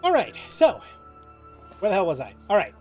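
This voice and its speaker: A gaming livestreamer with a medium-pitched voice and moderate pace keeps things animated and joking, mildly profane, reading chat aloud and reacting to the game. Background music plays behind him.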